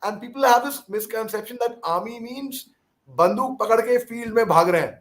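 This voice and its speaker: A man's voice: very high voice, normal speed. A man with an Indian English accent speaks conversationally in an interview, deferential, emphatic and given to repeating himself. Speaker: interviewer and former army officer.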